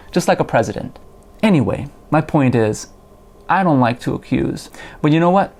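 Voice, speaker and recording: A man ranting to camera in an opinion video, swearing often and emphatic, with sarcastic loud outbursts and muttered asides. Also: medium pitch. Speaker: video essayist.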